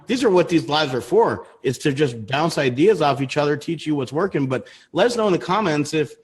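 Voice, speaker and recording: Husky rambling man in his thirties. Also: a little high. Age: 30s. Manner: rambling, restarts sentences. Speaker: co-host. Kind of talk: casual livestream chat.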